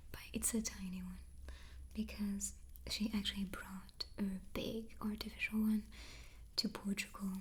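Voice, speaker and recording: A woman doing a whispered ASMR chat in a soft, playful, chatty way. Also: mid-range voice. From France. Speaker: ASMR creator and host.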